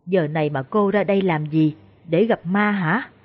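A woman voicing a shrewd, calm older male exorcist master who asks probing, feigned questions. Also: on the low side, normal speed, lightly acted. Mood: shrewd questioning. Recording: dull lo-fi recording.

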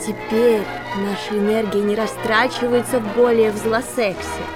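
In an audio drama, an actress plays a zealous party propagandist who fervently declaims against vice with devout zeal. Her natural voice is a little high, with little pitch movement and a normal pace, and a clear music bed runs beneath her.

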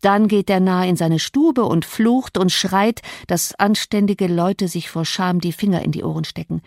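A woman doing a gruff, scornful old manservant. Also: lowish voice, moderate pace, a little mellow, no echo, clean studio sound, close to an everyday voice. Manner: grumbling, coarse folk speech. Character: gruff old male servant, sour and scornful.

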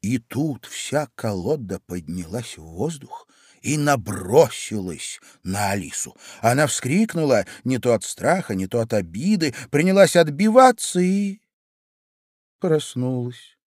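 A man narrating a storybook in a scripted reading, expressive and measured. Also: medium pitch, no room sound, studio quality.

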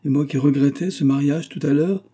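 A proud, middle-aged society mother speaks in a scolding, haughty way from a storybook. A man puts her on, lifting his dark, husky voice well above his own. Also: fairly high pitch, steady tone, a little fast, pitched above the performer's own voice.

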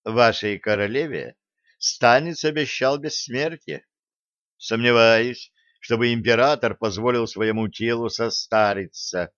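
A man's voice: medium pitch, measured pace, fairly bright tone, no echo, close to an everyday voice. A man voicing a bold male space captain in a sci-fi audiobook, speaking decisively with sarcastic energy. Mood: wry. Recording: dull lo-fi dry recording.

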